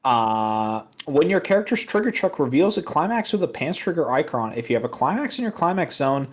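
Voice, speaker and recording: A man guest-hosting a casual card game review, relaxed and joking with friends over a call. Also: fairly high pitch, a little fast. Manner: relaxed, joking, laughs often. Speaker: guest host.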